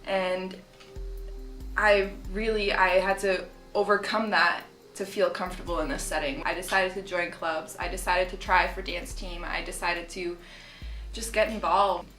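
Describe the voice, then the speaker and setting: A candid young woman from Switzerland speaks in a bright, forward voice. It is a little low, and a roomy echo surrounds her student interview. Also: flat delivery, measured pace, soft background music. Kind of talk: interview testimonial.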